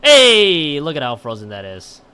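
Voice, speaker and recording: A male live game streamer reads a visual novel aloud and chats, his fairly high voice swooping wildly in pitch at a slightly slow pace. He often stumbles over the text, repeating and restarting words, and adds dramatic emphasis. His tone is sharp, clear and resonant, with no echo.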